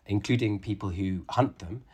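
This guest, a man in his late thirties who is a biologist and author, speaks in a lowish, husky, slightly mellow voice at a moderate pace. He answers interview questions thoughtfully and conversationally, with plenty of fillers and restarts.

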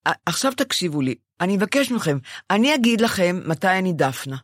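An older woman in casual chat, telling a personal story with lively swings and acting out her own words. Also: on the low side, no room sound, studio quality. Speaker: podcast co-host.

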